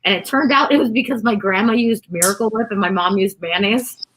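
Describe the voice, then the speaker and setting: A woman's voice: medium pitch, a little fast, a bit bright, a little hiss or hum, low-quality recording. A woman chatting casually during an eating contest, telling anecdotes and peppering her talk with "like". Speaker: competitive eater.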